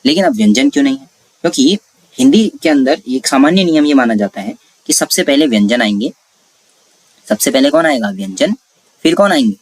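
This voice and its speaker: In an exam-prep classroom lesson on Hindi grammar, a man explains things step by step, asking his own questions and answering them. His mid-range voice is animated and brisk with a breathy edge, and there is no room sound.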